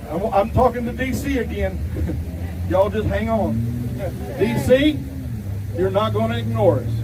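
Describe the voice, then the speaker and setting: A fiery middle-aged man from Ohio with a strikingly high voice rallies a crowd outdoors. He sounds well off the mic, with crowd chatter and traffic noise clearly heard behind him. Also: recorded from a distance. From Ohio, USA. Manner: fiery, defiant, shouting at times. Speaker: rally speaker. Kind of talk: outdoor protest speech. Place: outdoors at a rally with vehicles.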